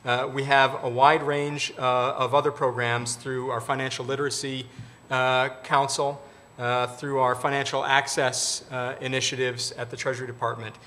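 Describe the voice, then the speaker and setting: A male government official speaks on a discussion panel. His voice is bright and forward, and he talks in a measured, formal way about policy. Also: medium pitch, little pitch movement.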